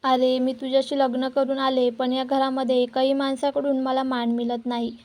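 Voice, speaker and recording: Scolding, proud young wife with a high, flat delivery, as a woman reads her lines. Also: moderate pace, close to an everyday voice. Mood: angry scolding. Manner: sharp and scolding.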